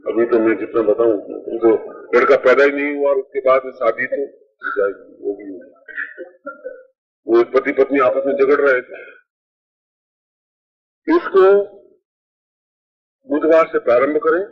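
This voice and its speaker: On a dull, lo-fi 1980s cassette that sounds old and worn, a male spiritual teacher gives plain, methodical ritual instructions step by step, repeating points for emphasis. His medium-pitched voice is slightly rough, measured in pace, with long pauses.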